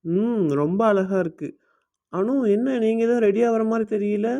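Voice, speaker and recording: An easygoing young husband in an amateur family drama, played by a man, with a fairly high voice. He talks on in a relaxed, friendly way. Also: moderate pace, dull audio, natural voice. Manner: easygoing, talkative.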